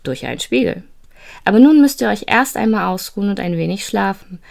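A woman voicing a cheerful, wise male storyteller in an audio storybook, speaking in a gentle, measured way. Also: medium pitch, very animated, vocal fry. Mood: kindly.

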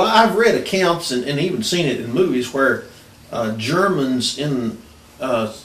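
Distant, echoey male interviewer. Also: mid-range voice. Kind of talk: informal interview questioning. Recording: echoey room, distant mic, faint noise.

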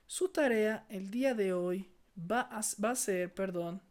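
Woman teacher, slow unhurried speech, stretched-out drills, praising kids. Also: medium pitch. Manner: slow, drawn-out English drills; warm praise to young learners. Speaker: English teacher. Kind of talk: bilingual lesson for children.

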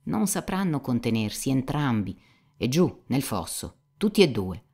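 A woman's voice: extremely low pitch, sing-song, measured pace, a little mellow, voice pushed up, full character voice. Woman reading a snide young seminarian guy, cynical, needling, gossipy, storybook read. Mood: lecturing. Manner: mocking, insinuating, talkative. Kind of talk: audiobook character reading.

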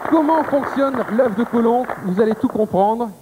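Holding a handheld mic, a thirtysomething game show host quizzes his contestants with chatty enthusiasm. He speaks at a moderate pace in an extremely high pitch. The recording carries reverb from the TV studio set along with a faint tape hiss.

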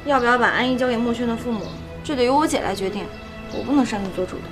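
An actress playing a sharp-tongued but soft-hearted young woman in a TV drama, with a scolding manner. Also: fairly high pitch, very fast, close to an everyday voice. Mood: anxious. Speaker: lead character. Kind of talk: TV drama acting. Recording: drama music underneath.

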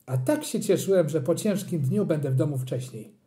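Reader playing a weary father, puzzled, calm, mellow voice, storybook. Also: medium pitch, moderate pace, lightly acted. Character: tired, bewildered father, adult man. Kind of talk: audiobook character reading.

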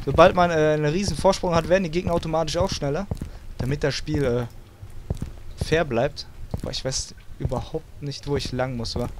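Young man, gaming commentary, sarcastic and cursing, fairly high voice, noisy recording. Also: steady tone, a little fast. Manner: sarcastic, swearing, drops English words. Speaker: let's play gamer. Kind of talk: horror game commentary.

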